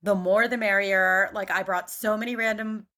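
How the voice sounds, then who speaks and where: Woman, 40s, from Philadelphia; bright, chatty podcast guest who rambles with fillers. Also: mid-range voice, fairly even intonation, normal speed. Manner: chatty, many fillers and restarts. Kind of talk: casual conversation.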